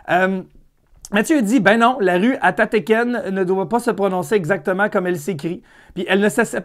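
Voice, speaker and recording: A man with a Quebec French accent hosting a comedic podcast, chatty and irreverent, swearing casually with lots of fillers and restarts. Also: high voice. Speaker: podcast host.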